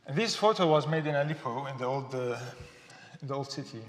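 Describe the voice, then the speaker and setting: A man from Syria speaks at a gallery symposium, thoughtful and halting, with fillers and repeated words. His voice sits at an ordinary middle pitch. The hall is roomy and echoes with a long reverb. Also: animated. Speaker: artist giving a symposium talk. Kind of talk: public lecture.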